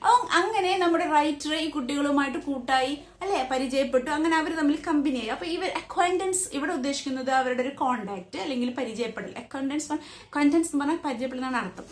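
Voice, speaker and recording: Malayali woman teacher, high voice, slow careful reading then fast explaining, echoey room. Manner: reads English text slowly, then explains it quickly with rhetorical questions. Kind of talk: classroom explanation of an English text.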